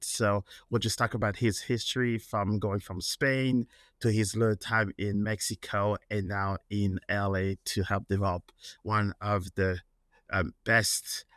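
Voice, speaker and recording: Man, podcast host, rambling questions, many fillers, low voice, dry recording. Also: a bit bright, no echo. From France. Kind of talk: interview hosting.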